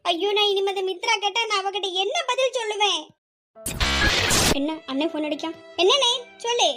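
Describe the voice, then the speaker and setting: A woman voicing a stern, scheming middle-aged aunt with a sharp, scolding way of talking. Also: extremely high pitch, a little fast, loud music behind the voice. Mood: calm, wary. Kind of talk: hobby audio drama.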